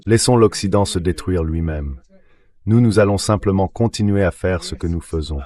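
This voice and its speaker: Delivered by a synthetic translation voice that is deep and dark in tone, this is a man's measured, analytical geopolitical commentary as an interview guest.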